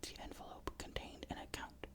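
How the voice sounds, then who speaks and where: A narrator reading a ghost story in a breathy, unvoiced whisper, with measured, careful literary phrasing. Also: fairly bright tone.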